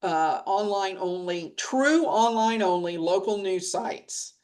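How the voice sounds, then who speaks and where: A woman's voice: medium pitch, slow, darkish tone. A middle-aged woman leading a press association, talking bluntly and emphatically in a webinar discussion over a video call. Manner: blunt, plain-spoken, emphatic.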